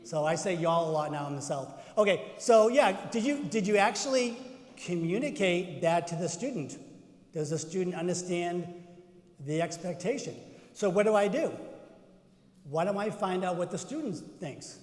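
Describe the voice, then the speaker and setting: A man with a Boston accent giving an animated conference presentation, asking the audience questions as he goes. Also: high voice, moderate pace. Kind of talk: interactive presentation to educators. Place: conference room. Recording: echoey hall, roomy reverb.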